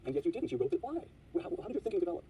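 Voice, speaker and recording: Male interview host, quick probing questions, reads quotes aloud, dark lowish voice, distant mic with faint hiss. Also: big pitch swings.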